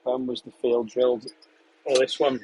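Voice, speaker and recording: Husky young man chatting from a tractor cab. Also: mid-range voice, normal speed, rough recording. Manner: relaxed, chatty, answers questions between running commentary on the job. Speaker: farm contractor live-streaming while spraying a field. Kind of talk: casual live-stream chat reading viewer questions. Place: inside a tractor sprayer cab, in a field.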